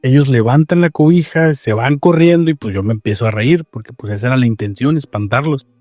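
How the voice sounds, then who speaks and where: A man with a Mexican accent telling paranormal stories in a casual podcast chat, animated and rambling with many restarts. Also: mid-range voice, a little fast, no room sound, studio quality, faint music behind.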